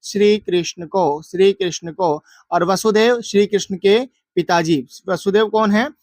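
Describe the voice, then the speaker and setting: A man's voice: high voice, a little slow, a little mellow, no echo. A man teacher going through exam answers, asking questions and answering them himself in a drilling, repetitive way. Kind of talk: exam answer walkthrough lesson.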